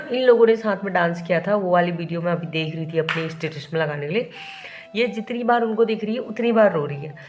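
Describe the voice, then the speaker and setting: Indoors at home, a young woman vlogs in a fairly low, expressive voice at a fairly quick pace, with soft music in the background. She is a mother with a bad headache, chatting casually as her child cries and scolding the little one affectionately from time to time.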